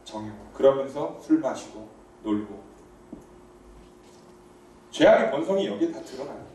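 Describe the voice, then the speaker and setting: A male pastor preaching a sermon in a church, talking to the congregation in a conversational, animated way and asking them questions. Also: medium pitch, a little slow, a little hiss or hum. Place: church sanctuary. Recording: echoey church hall, voice from far off.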